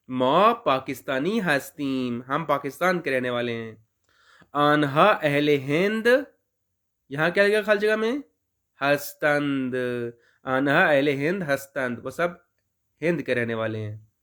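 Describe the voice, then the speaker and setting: A man's voice: on the high side, a bit bright. A man from Pakistan teaching a Persian language lesson, explaining patiently and repeating and stretching out words for his students.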